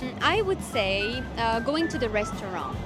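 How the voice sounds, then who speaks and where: A woman's voice: on the high side, very animated, moderate pace, rough recording. A woman from Belgium, a student answering interview questions in a friendly, thoughtful way with frequent fillers. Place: outdoor university event. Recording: loud background music.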